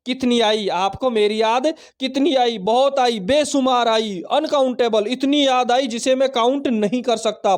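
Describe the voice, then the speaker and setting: A man's voice: extremely high pitch, clear, resonant tone. A man teaching vocabulary for exams, repeating words over and over and quizzing himself with questions and answers. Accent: Hindi-speaking Indian. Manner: repetitive, drilling with mnemonics and self-questions. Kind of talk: online exam-prep lesson.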